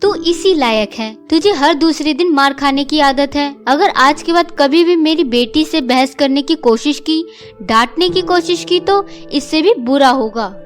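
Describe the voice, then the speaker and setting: A woman's voice: high-pitched, unhurried, faint music behind. A woman voicing a harsh stepmother in a cartoon story, who scolds sharply. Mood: angry, scolding.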